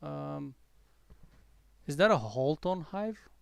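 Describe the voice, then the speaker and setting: Slow-paced but animated, this day-trading streamer talks through his trades live in a gravelly voice on the high side, recorded without echo. He rambles chattily, restarting sentences and leaning on fillers. His accent is mixed: English learned abroad with an American tinge, softened by years spent in the UK.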